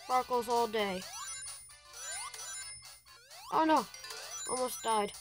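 A woman hosting a casual gaming video, chatting through her play with an excitable, grumbling manner. Her voice sits a little high, and she talks slowly and unhurriedly. Faint game music plays behind her. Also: low-quality recording. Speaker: gaming channel host.

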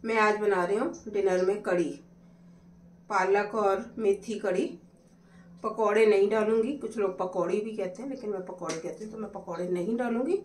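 A woman's voice: medium pitch, fairly even intonation, normal speed, recorded from a distance. A woman chatting casually as she demonstrates a recipe at home, explaining each step as she cooks. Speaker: cooking vlogger. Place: home kitchen. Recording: echoey kitchen, voice from off-mic. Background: clatter of pots and utensils.

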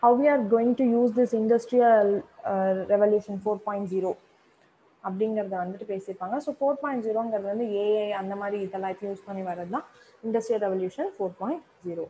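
A woman's voice: medium pitch, measured pace, warm tone, lo-fi sound, a little hiss or hum. A woman with a Tamil accent teaching an exam revision lesson on current affairs, switching between Tamil and English with frequent fillers and restarts.

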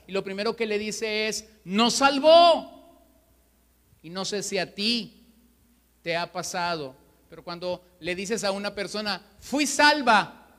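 A man's voice: high-pitched, sharp tone. A man preaching a sermon as pastor, emphatic and full of rhetorical questions. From Mexico. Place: church hall. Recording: long reverb of a church hall.

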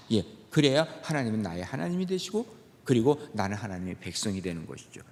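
A man's voice: a little high, vocal fry, in a large hall. A male pastor giving an early morning sermon. He keeps asking his congregation questions and answering them himself, and he acts out God's words in a casual, scolding voice. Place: church sanctuary at an early morning prayer service.

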